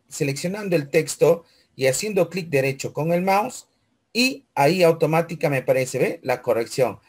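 A man's voice: fairly high pitch, husky. A man teaching a computer class, talking the students through each step and often checking in with them. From Peru. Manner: walks through steps aloud, keeps checking with "¿ve?" and "chicos"; asks questions in a student's voice, then answers them. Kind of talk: screen-recorded computer class.

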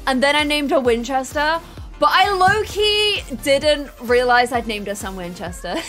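A young woman chatting excitedly while live-streaming a game, laughing often. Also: sits high.

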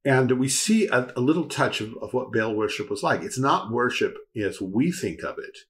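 A man hosting a casual Bible discussion, telling the story in a rambling, animated way with repeated words. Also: mid-range voice, moderate pace. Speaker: host and Bible teacher.

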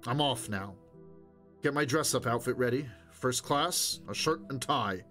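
A man's voice: mid-range voice, unhurried, sharp tone, faint music behind. A man voicing a curt, weary scavenger who speaks wryly to his wife. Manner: curt, wry, mumbling.

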